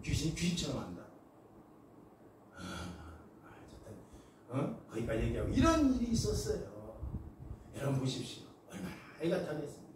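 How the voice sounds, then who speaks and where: A male pastor preaching a sermon, telling stories in an animated way and acting out the voices. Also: a little high, normal speed, pauses often. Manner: animated storytelling, acts out voices. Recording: echoey hall from far off, faint noise.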